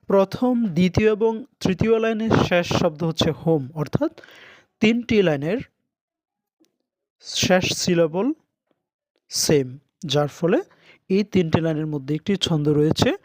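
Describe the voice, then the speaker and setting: A man teaching an English lesson, reading English lines slowly and translating them into Bengali. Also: high voice, darkish tone, dry recording. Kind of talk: recorded lesson.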